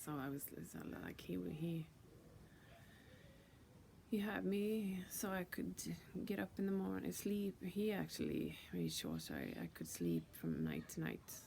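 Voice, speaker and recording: A woman telling her own story in a casual, halting way, with lots of fillers, restarts and swearing, and repeating words for emphasis. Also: on the low side, very animated, creaky, a little mellow, a little hiss or hum.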